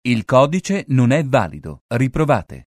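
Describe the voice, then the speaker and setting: A man reads scripted phone menu announcements in a polite, clearly enunciated customer service voice. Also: mid-range voice, big pitch swings, unhurried, no echo, studio quality.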